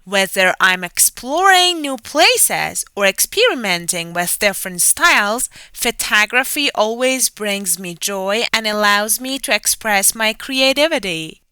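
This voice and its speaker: A woman reading scripted example passages in an even, polished way. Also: mid-range voice, a little slow, few pauses, clear, resonant tone, no room sound. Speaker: narrator reading example texts. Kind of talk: scripted narration.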